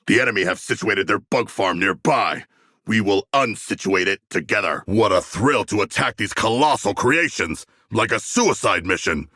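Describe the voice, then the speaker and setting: A man's voice: on the low side, pushed and bright, no room sound, clean studio sound. A man playing a huge shark-man warrior in a video game, earnest and literal-minded, proudly ferocious, speaking in formal, stilted, grandiose phrases. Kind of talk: video game character voice lines.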